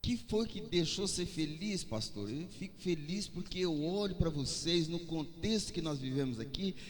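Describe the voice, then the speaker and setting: A Brazilian man preaching as pastor, fervent, building his phrases up to loud exclamations. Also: on the high side, lively intonation, normal speed. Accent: Brazilian Portuguese. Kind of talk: sermon. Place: church. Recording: long reverb of a church hall.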